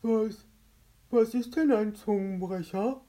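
A woman voicing a nervous, giggly male companion who stumbles slowly over his words. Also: on the high side, animated, warm tone, voice pushed up. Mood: worried.

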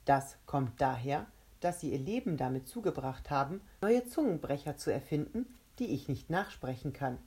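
A woman voicing a gloating male monster made of a huge mouth, who taunts and shouts triumphantly. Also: sits low, expressive, moderate pace, few pauses, husky.

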